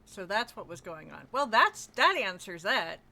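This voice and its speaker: A woman's voice: medium pitch, big pitch swings, normal speed, gravelly, sharp tone. A woman streaming a game, chatting casually and bluntly with friends and swearing freely. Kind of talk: casual gaming stream chat. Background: elevator music from her voice mod.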